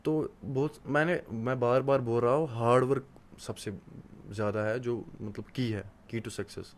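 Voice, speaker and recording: A man's voice: mid-range voice, steady tone, measured pace, slight background noise. Earnest young man from Kashmir. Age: 20s. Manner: earnest, motivational, repeats key points with many hesitations. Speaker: guest. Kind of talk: casual interview talk.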